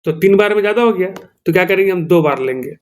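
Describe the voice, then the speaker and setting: Guy with a high voice and chhattisgarhi-tinged hindi, teaching maths step by step. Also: quick pace. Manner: explains step by step, repeats "theek hai doston". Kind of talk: classroom maths lesson.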